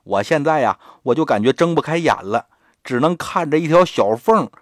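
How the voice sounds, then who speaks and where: A storyteller putting on a small boy with a grown man's memories, high-pitched and cheeky, grumbling like an adult. Dry, close sound. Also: animated, moderate pace, no room sound.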